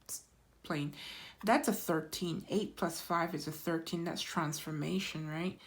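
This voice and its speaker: A woman with a low, steady voice gives a pick-a-card tarot reading. She takes her time and sounds reassuring, often checking in with "right?" and filling pauses with "um."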